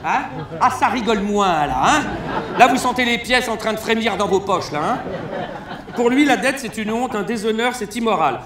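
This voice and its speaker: A male stand-up comedian on a concert hall stage, telling crude, mocking stories in an animated way. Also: high voice, moderate pace, crowd noise, background noise. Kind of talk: satirical stand-up press review. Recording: roomy live hall sound.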